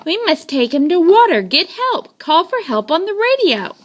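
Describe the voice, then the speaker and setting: A woman's voice: very high voice, sing-song, moderate pace, pitched above the performer's own voice. A woman voicing an anxious young boy in a storybook, urgent and pleading.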